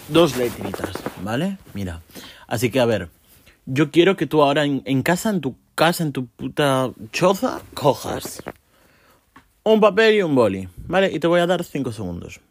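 A man's voice: medium pitch, very animated, moderate pace. Ranting sarcastic man. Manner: sarcastic, ranting, swears often. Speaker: podcast host. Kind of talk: casual comic monologue.

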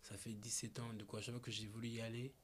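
A man from Malawi talking slowly and thoughtfully as a podcast guest, with searching pauses and restarts. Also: medium pitch, flat delivery, a little hiss or hum. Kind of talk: reflective conversation.

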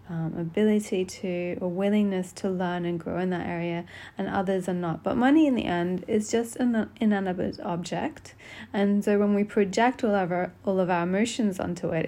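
A woman hosting a solo podcast in a soft, gentle voice, speaking tenderly and intimately without hurry. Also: fairly low pitch, creaky. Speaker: podcast host. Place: small closed bedroom at home. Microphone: podcast microphone.

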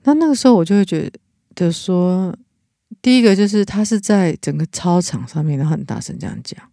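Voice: mid-range voice, animated, brisk, creaky, mellow, no room sound, studio quality. 一位带台湾口音的老师，在闲聊中恳切地讲自己的经历，常常停顿重说。. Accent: Taiwanese Mandarin. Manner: earnest, with frequent restarts. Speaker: teacher, podcast co-host. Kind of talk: casual chat, personal story.

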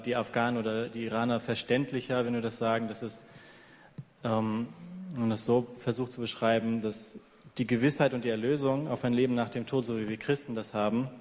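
Working as a live interpreter, this man passes along a sermon one passage at a time. His mid-range voice is slightly mellow, and the big church hall adds long, echoing reverb.

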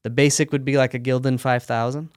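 A man who runs a sock company, talking through his business in a relaxed, practical way during an interview. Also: mid-range voice, quick pace, clean tone, no room sound, studio quality. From United States. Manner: relaxed, practical, talks in run-on explanations. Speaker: sock company owner, guest. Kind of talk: casual interview conversation.

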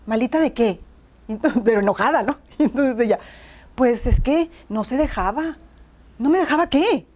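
A woman's voice: a little high, expressive, moderate pace, darkish tone. A woman telling her story in casual conversation, acting out dialogue and laughing often.

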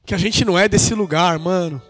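A man delivering a casual sermon, with a very high-pitched voice. He retells the story dramatically and peppers it with slang. Faint music plays underneath. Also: fairly quick, fairly bright tone. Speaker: preacher. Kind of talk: informal youth sermon.

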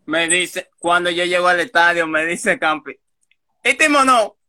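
Guy rattling off a story, high voice, super bright. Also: little pitch movement. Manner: fast storyteller acting out quoted dialogue. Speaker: guest telling a story. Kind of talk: casual phone chat.

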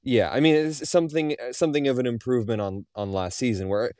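A man's voice: mid-range voice, fast, darkish tone, dry recording, clean studio sound. A man co-hosting a casual soccer podcast, rambling with lots of restarts and filler words. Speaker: podcast co-host.

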